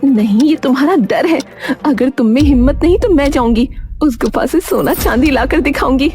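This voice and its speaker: A woman voicing a greedy, stubborn village wife who scolds her husband, insistent and shrill. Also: expressive, moderate pace, darkish tone. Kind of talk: Hindi cartoon story voice acting. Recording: music bed behind.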